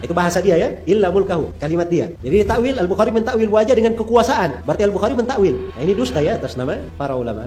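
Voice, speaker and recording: A man preaching and lecturing, spelling out Arabic letters to correct a reading, with music playing behind him. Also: high voice. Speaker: religious preacher. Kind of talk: quoted sermon clip.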